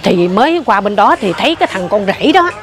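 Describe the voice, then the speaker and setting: A woman's voice: medium pitch, a little fast, a faint crowd, a little hiss or hum. Older woman telling a ghost story. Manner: animated, repeats herself, points things out. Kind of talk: casual storytelling.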